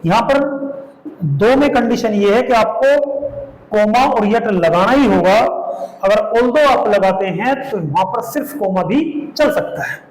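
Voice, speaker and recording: A man's voice: high-pitched, animated, measured pace, echoey room, rough recording. A man teaching a grammar lesson, explaining step by step and asking and answering his own questions.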